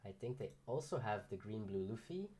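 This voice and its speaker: A man's voice: on the low side, very animated, brisk, warm tone, slightly rough. A young man casually commentating a card game livestream, rambling with fillers and laughs.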